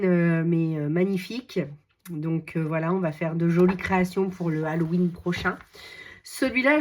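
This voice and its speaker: Woman, middle-aged, slightly hoarse, low-ish voice, casual enthusiastic chat, lots of fillers. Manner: chatty, enthusiastic, many fillers and restarts. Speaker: craft channel host. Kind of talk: casual chat showing books.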